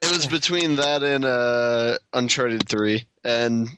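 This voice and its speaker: A man's voice: mid-range voice, fairly even intonation, takes it slowly, background noise. A man on a casual podcast panel, giving brief, matter-of-fact answers. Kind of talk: casual chat.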